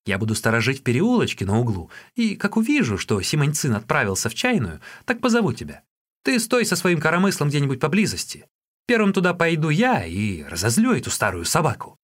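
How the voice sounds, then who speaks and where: A man voicing a cheeky young male street peddler who chatters in a high, excited voice. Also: fairly quick.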